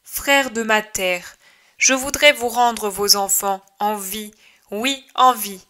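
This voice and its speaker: A woman reader voicing Jesus as a gentle male preacher, speaking to a crowd in a solemn, measured way for an audiobook. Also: medium pitch.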